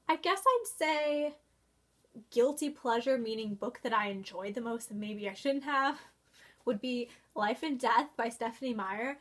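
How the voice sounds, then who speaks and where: Young female book vlogger, gushing, chatty, slightly high voice. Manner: gushing, excitable, quick to exclaim. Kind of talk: casual book review vlog.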